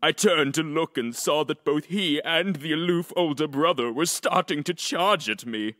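A man narrating a first-person fan audiobook, expressive, with smug asides. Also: on the high side, moderate pace. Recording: long echoey reverb.

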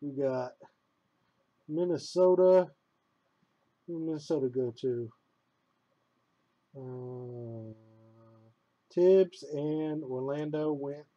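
Man, card-break host, announces each pull in a slow, loud build between casual laughing asides, fairly high voice. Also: dry recording, highs cut off. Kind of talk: live card-break commentary.

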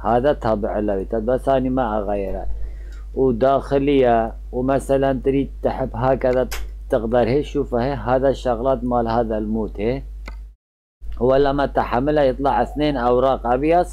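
Easygoing Iraqi man with a mellow voice. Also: mid-range voice, fairly even intonation, fairly quick, rough recording. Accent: Iraqi Arabic. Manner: chatty, easygoing, often trailing off mid-word. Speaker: gaming channel host. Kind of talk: casual gameplay commentary.

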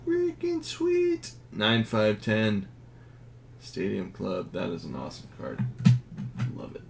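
A man casually narrating as he reveals graded trading cards, reading out each grade in a low-key, unhurried way. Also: vocal fry. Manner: slow, low-key commentary, grades read in a flat list. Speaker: card collector. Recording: audible background noise.

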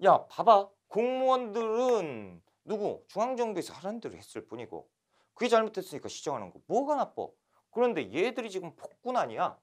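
A man's voice: mid-range voice, fast, close to an everyday voice. A male lecturer voicing an arrogant royal inspector who bosses around officials and accuses others in a retold scene. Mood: accusing. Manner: bossy, accusing.

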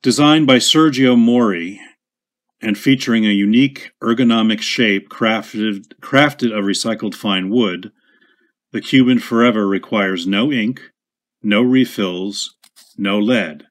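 A man casually demonstrating a writing instrument at his desk, chatty and unhurried, with small asides and self-corrections. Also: fairly low pitch. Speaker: pen shop owner demonstrating a product.

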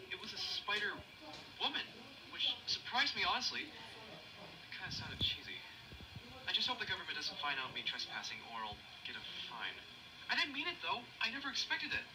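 A man speaking a found-footage monologue, recorded on an old VHS tape, calm and sometimes dropping to a whisper. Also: a little high. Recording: hissy, distant camcorder sound.

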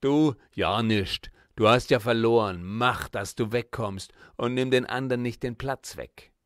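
A man's voice: medium pitch, takes it slowly, no room sound, clean studio sound, natural voice. A man voicing a brusque fairground stall woman with a Berlin accent, in a storybook reading. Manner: loud, brusque, scolding.

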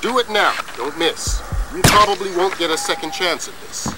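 Terse spy commander, noisy backdrop. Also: male voice, sits high, expressive, normal speed. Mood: urgent. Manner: terse, authoritative. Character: stern male spy agency commander briefing his agent. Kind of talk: video game radio briefing.

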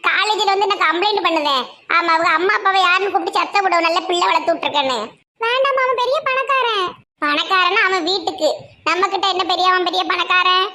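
High bright bossy Tirunelveli woman. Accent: Tirunelveli Tamil. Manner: scolding, bossy, rapid village slang. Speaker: comedy sketch performer playing a mother. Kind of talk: one-woman village comedy sketch.

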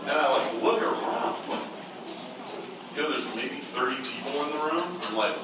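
A man's voice: mid-range voice, moderate pace, heavy reverb, far from the mic, heavy background noise. A man telling a personal story to a seminar audience, rambling with many restarts and fillers. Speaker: speaker at a seminar. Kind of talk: storytelling talk to a live audience. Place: event room on stage.

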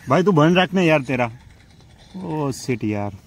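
A man's voice: fairly high pitch, expressive, slow, noisy background. A young man chatting and teasing his friends while camping outdoors at night, laughing often. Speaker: vlogger. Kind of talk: casual chat with friends.

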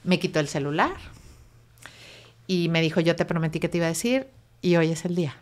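A middle-aged Mexican woman, an interview guest, telling a painful personal story in a soft, halting voice that often sinks to a near whisper. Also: low voice. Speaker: interview guest, bereaved mother. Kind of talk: emotional personal testimony.

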